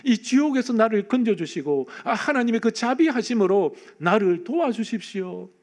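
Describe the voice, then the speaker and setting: A man's voice: high-pitched, animated, moderate pace, darkish tone, pitched above the performer's own voice. A man preacher voicing a bitter man who pleads with God and begs to die. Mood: desperate pleading. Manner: pleading, pained complaining.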